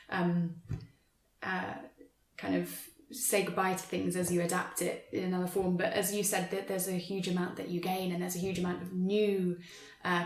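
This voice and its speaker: There's slight background noise as a lowish-voiced woman, a theatre practitioner, joins a panel conversation. She is reflective and tentative, qualifying what she says in this unscripted, thoughtful exchange. The sound is roomy and echoey.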